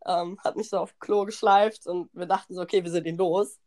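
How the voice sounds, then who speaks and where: A young woman hosting a podcast, telling a party story in slangy, animated casual chat and acting out what people said. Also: lowish voice, a little fast. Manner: animated, slangy, acts out quotes, laughs often. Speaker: podcast host.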